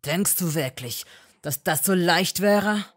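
A woman's voice: very deep voice, slow, creaky, voice pushed down, exaggerated voice. A woman reading a fan story and voicing a cold, bitter young wizard who growls curt, scornful replies. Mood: angry, scornful.

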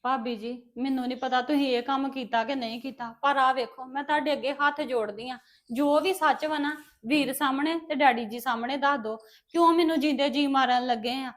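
A woman's voice: high voice, fairly even intonation, fairly quick, lightly acted. An actress playing a young woman who pleads her innocence to her family. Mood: pleading. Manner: pleading, tearful. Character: young unmarried woman, wrongly accused daughter.

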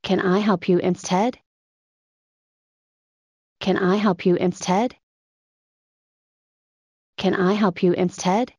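Female teacher voice, slow repeated phrase drills, plain even reading, dry close sound. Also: medium pitch, husky, dry recording, lo-fi sound. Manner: plain, evenly paced model reading. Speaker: English phrase reader.

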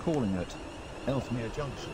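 A man's voice: medium pitch, normal speed. Automated male station announcer, noisy. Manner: calm, clipped, evenly paced announcements. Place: in-game railway station. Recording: loud background noise.

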